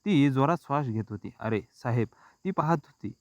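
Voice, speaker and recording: A man narrating a scripted first-person story in a slow, intimate, reflective way. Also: fairly high pitch, expressive, dry recording.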